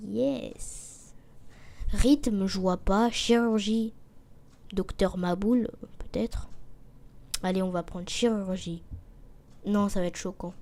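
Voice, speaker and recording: A woman giving casual commentary while playing a game, reading the on-screen text aloud and muttering to herself, sometimes dropping to a quiet whisper as she thinks. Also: mid-range voice, slow pace, pauses often. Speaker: let's play gamer.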